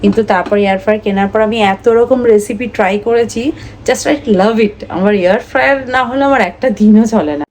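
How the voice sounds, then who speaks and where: A woman in her thirties with a Bengali accent talks easily to her viewers as she goes about the cooking. Her tone is chatty and relaxed, and she slips English words into her speech. Faint household noise sits behind her. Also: medium pitch, brisk. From India. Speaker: family vlogger. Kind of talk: casual vlog narration.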